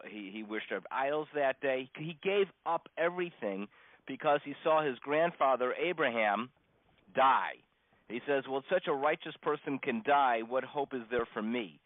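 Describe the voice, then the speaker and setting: A male rabbi teaches a class over a conference phone call, the line sounding dull and dry. His mid-range voice is halting, full of stammering restarts and frequent pauses, as he gives an informal religious lesson through unscripted storytelling.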